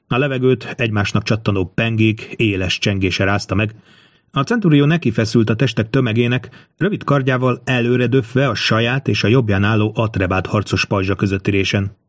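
A man reading an audiobook in a steady, measured storytelling voice. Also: on the low side, dry recording. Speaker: audiobook narrator. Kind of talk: scripted audiobook narration.

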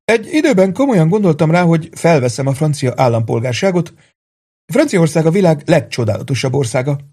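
A calm, wistful older gentleman speaks softly and sadly. A man reading an audiobook voices him. His pitch is lifted from the reader's own low register. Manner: soft-spoken and wistful.

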